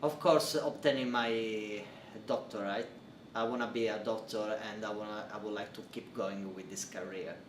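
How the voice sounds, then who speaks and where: Here the young Italian researcher, a PhD interviewee, sounds on the low side with fairly even intonation at a normal speed, speaking accented second-language English. Fillers, restarts and non-native phrasing mark his hesitant replies, and the distant mic gives a roomy sound with faint noise.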